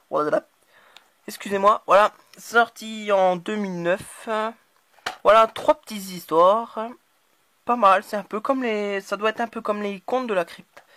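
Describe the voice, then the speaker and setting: A woman's voice: mid-range voice, a bit bright. Hesitant woman chatting about her purchases. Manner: hesitant, constant filler words. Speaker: channel host. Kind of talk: casual DVD haul talk to camera.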